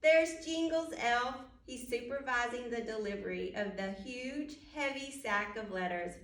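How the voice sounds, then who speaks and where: During storytime, a woman reads a children's picture book aloud, addressing the young listeners directly and asking them questions. Her voice is on the high side, fairly bright and a bit slow. The microphone sits at a distance, giving a roomy echo.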